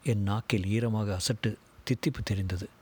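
Husky-voiced man reading a story. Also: fairly low pitch, fairly even intonation, moderate pace, a little mellow. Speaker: audiobook reader. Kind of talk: scripted story narration.

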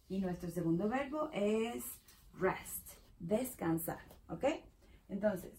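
A woman's voice: medium pitch, a little mellow. A woman teaching a basic English lesson in Spanish, patiently repeating each example and checking in with the viewer. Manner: says the English model sentences extra slowly.

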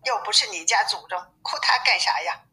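A woman's voice: medium pitch, a little fast, bright, forceful tone, close to an everyday voice, poor audio. A woman reading the lines of a lazy, cheeky male pig-monk in a storybook, in a grumbling, colloquial way.

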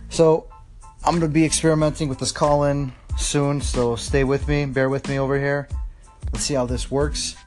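A man's voice: mid-range voice, level tone, normal speed, a little mellow, soft background music. A man hosting a podcast, talking casually and earnestly in an encouraging, rambling way. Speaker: podcast host. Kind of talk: casual motivational monologue.

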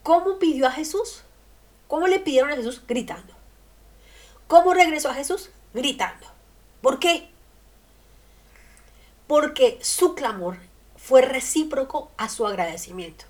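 Woman, radio preacher, higher-pitched voice, emphatic delivery with rhetorical questions. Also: lively intonation, a little slow, pauses often. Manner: emphatic, rhetorical questions, swings loud and soft. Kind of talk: sermon on the radio.

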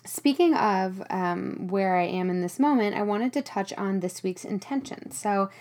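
A woman's voice: mid-range voice, a little slow, a little mellow. A woman hosting a podcast in a casual, chatty monologue, recorded in a small storage room with rain on the tin roof. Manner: chatty, conversational. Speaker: podcast host.

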